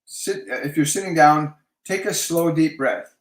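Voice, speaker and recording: A man hosting a live-stream Q&A as a spiritual medium, giving slow, soothing guided instructions and repeating each one twice. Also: fairly high pitch. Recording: roomy echo.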